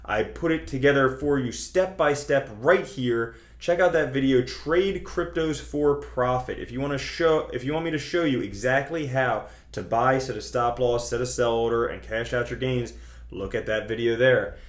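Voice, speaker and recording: The recording echoes around a roomy space as a man with a medium-pitched voice, moving at a moderate pace, hosts his cryptocurrency trading channel. He explains things to viewers colloquially and with emphasis, keeping the tone chatty.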